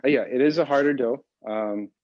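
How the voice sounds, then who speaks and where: A man who grew up in the Boston area, a pastry chef casually explaining recipes to an online audience, relaxed with many fillers. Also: mid-range voice, moderate pace, dry recording, lo-fi sound. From Boston area, United States.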